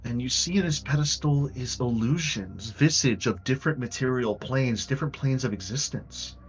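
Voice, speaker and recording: A man narrating a fantasy tabletop game as game master, measured and portentous, with dramatic pauses. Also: mid-range voice, lively intonation, highs cut off, a little hiss or hum.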